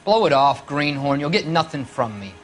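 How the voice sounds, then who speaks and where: A man's voice: a little high, big pitch swings, normal speed, faint music behind. A man playing a cornered suspect in a video game interrogation, defiant and defensive, with an American accent. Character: cornered male car-thief suspect, defiant, sullen, cracking under pressure.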